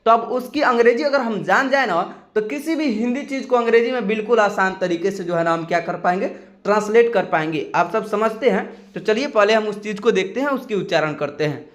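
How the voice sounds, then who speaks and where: A man with a high, light voice teaches a spelling lesson as a voice-over. He spells out each letter slowly and keeps asking his viewers what it reads. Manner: slow, spells out letters one by one, keeps asking "kya doston?". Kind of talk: screen-recorded Hindi spelling lesson.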